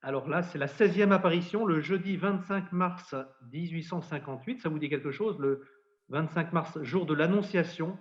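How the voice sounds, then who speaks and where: Priest telling a story, lo-fi sound. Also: male voice, on the high side, normal speed. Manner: narrates at length, acts out quotes. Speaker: priest and spiritual adviser. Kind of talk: storytelling in a podcast conversation. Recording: dull lo-fi sound.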